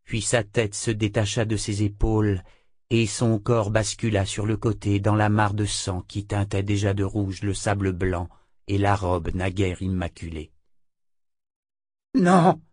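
A man narrating a fantasy audiobook in a measured, dramatic storytelling manner. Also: lowish voice, little pitch movement, a little mellow, dry recording, clean studio sound.

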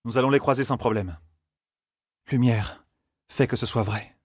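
A man voicing a sharp, scolding older woman. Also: mid-range voice, moderate pace, breathy edge, dry recording, clean studio sound, voice pushed up, lightly acted. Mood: tense. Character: stern older woman, former village wise woman.

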